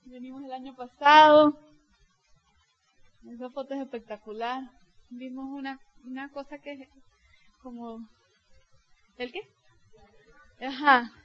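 High-voiced woman giving a heartfelt testimonial. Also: dull audio. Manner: heartfelt storytelling, acting out quoted dialogue. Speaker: direct-sales team leader. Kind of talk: motivational testimonial talk.

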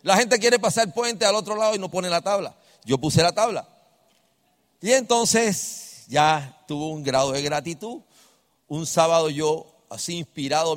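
A middle-aged man, telling a personal story to a live audience in an animated way and speaking to them directly. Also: fairly high pitch, long reverb tail.

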